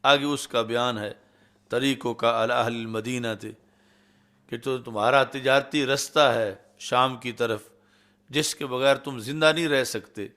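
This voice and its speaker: Male Islamic scholar with a Pakistani Urdu accent and a mid-range voice, giving a hadith lecture, measured Arabic recitation followed by Urdu explanation. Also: mid-range voice, steady tone, bright, forceful tone.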